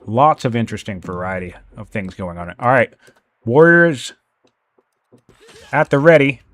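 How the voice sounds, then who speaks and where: A man calls a strategy game tournament in a loose, conversational commentary style. He jokes, laughs at his own remarks and slips into playful sarcasm. His voice sits at an ordinary middle pitch and comes through a close, dry mic with no room around it. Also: very animated, measured pace, fairly bright tone, no echo. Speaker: tournament caster.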